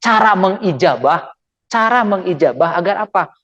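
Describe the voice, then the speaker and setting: A man preaching with a Sundanese accent, playful and animated, acting out angry quarrels for his audience. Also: high-pitched, normal speed, lo-fi sound. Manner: playful, acts out quarrels with shouts and jokes. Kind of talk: lively sermon to women. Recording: reverberant hall.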